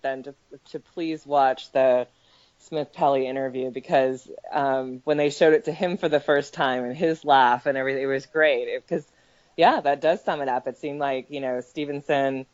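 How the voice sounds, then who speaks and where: A woman's voice: deep voice, no echo. A woman co-hosting a casual sports podcast, chatty and teasing her co-host. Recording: dry, dull lo-fi podcast audio.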